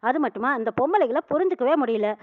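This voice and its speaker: A woman runs through a serial episode at a brisk clip, her voice set high. She quotes each character's lines in turn and tags who said them. The sound is thin and boxy, like audio heard over a phone line. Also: lively intonation. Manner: recounts dialogue quickly, quoting each character with tags. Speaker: serial recap narrator. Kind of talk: casual retelling of a TV serial episode.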